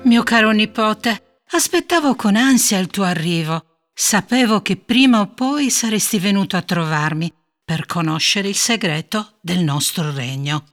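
A woman voicing a wise old grandmother who gently tells a story in a storybook tale. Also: mid-range voice, lively intonation, unhurried, soft background music, natural voice. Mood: tender.

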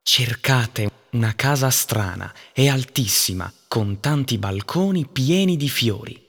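Woman putting on a low little ghost boy. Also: expressive, unhurried, husky, faint music behind, heavily acted. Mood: secretive. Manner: playful, low put-on voice. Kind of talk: children's storybook reading.

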